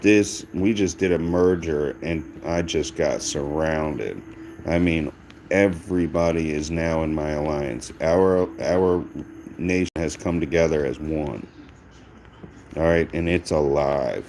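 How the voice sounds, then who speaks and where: Low-voiced man with dry gameplay commentary. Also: slow pace, slight background noise. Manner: dry, self-mocking, monotone. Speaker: gaming channel host.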